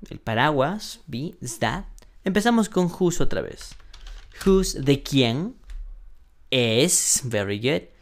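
A male English teacher gives a patient, step-by-step lesson, slowing down to pronounce each example and checking in with the class. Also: mid-range voice, big pitch swings. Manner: patient, explains step by step with frequent "ujú" and "¿no?"; slows down sharply when pronouncing English examples. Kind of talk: online English lesson taught in Spanish.

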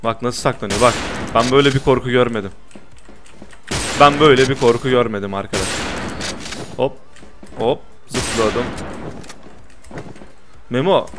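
A young man doing lively gameplay commentary, teasing his friend and protesting loudly to his viewers. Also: medium pitch, unhurried, long pauses, background noise. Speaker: gaming YouTuber.

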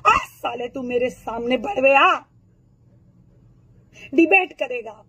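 A woman with a worn, hoarse throat rants at the camera in a high, strained voice. She is furious and accusatory, firing insults and rhetorical questions one after another. It is a raw, impassioned political outburst. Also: poor audio.

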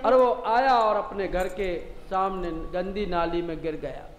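Brief: male katha preacher, very high and slow, humorous moral tales; echoey hall, faint music. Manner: humorous, moralizing, addresses audience as brothers. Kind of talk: devotional storytelling sermon with sung verses.

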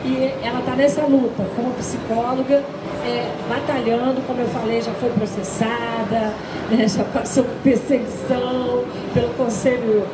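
A middle-aged woman hosts an interview at an expo booth, affirming her guest and wrapping things up. Her fairly high voice rings around a roomy indoor hall. Loud crowd noise fills the background. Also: steady tone, moderate pace. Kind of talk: interview at a trade fair booth. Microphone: handheld mic.

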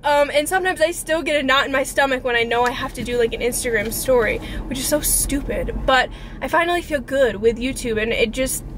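Recorded in a car with clear background noise, a twentysomething woman vlogs a casual, earnest confessional chat to camera, informal and a little profane. Her voice sits high and moves fairly quickly.

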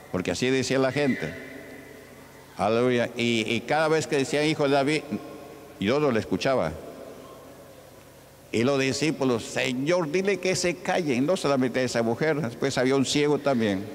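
A male pastor from Peru preaching a sermon in a church hall, calling out questions to the congregation and acting out the voices of Bible figures. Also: mid-range voice. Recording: reverberant church hall with faint ambient noise.

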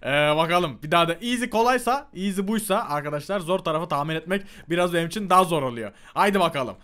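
A young man giving Minecraft parkour commentary, shouting encouragement at himself and muttering when he fails. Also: high voice, quick pace. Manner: excitable, shouts and cheers himself on; mutters and grumbles when failing. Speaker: gaming YouTuber.

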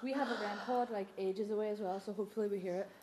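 A woman's voice: mid-range voice, steady tone, racing. A young woman with a Northern Irish accent presenting a casual paranormal investigation outdoors, recorded on a camera a few steps away. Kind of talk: casual ghost-hunt vlog, calling out to spirits. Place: outdoor stone ruins at night. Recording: clearly noisy handheld outdoor camera audio.

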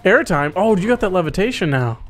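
Male co-host for a gameplay reaction, bright and jumpy, big pitch swings, faint game music. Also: fairly quick. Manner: excitable, loud yelps and laughter. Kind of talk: casual gameplay reaction chat.

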